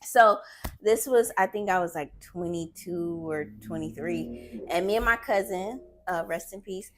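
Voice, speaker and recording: A woman's voice: on the low side, a little slow, soft background music. A woman hosts a casual podcast chat in her ordinary voice. She teases her guest and laughs easily as she moves between stories. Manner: giggly, teasing. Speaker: podcast host.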